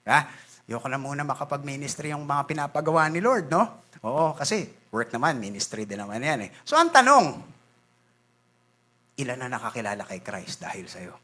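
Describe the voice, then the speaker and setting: A male pastor from the Philippines preaching a sermon in an animated way, switching between Tagalog and English and acting out church members. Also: medium pitch, normal speed. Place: church sanctuary.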